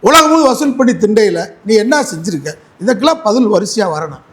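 A man's voice: sits high, big pitch swings, fast talker. A man speaking as an advocate in a heated political interview, combative and mocking, repeating his points.

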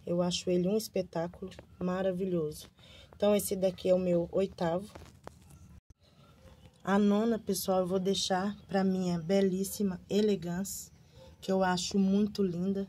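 A woman gushes over her plants in a casual vlog, piling on words of praise. Her voice sits low and mellow with little rise and fall. A faint hiss of background noise runs under her. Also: rough recording. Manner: gushing, repeats praise words. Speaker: gardening vlogger. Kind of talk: casual show-and-tell vlog.

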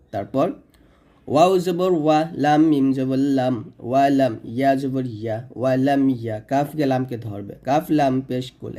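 A man with a Bangladeshi Bengali accent teaching recitation pronunciation, spelling words out letter by letter and drawing each syllable out slowly for the listener to repeat. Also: medium pitch, dark tone. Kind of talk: slow spelled-out pronunciation lesson.

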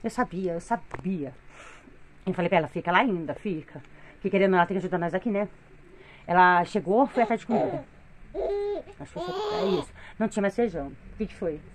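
Weary fast-talking Brazilian woman venting. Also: lowish voice, expressive, a little hiss or hum. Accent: Brazilian Portuguese. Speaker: vlogger, mother of three. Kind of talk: casual home vlog. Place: home living room.

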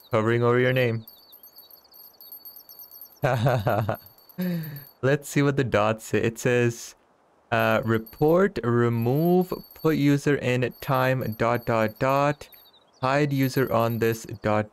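A man in his early thirties streams a fishing game, chatting casually with his viewers, teasing them and chuckling often. His voice is fairly low and smooth, with no echo.

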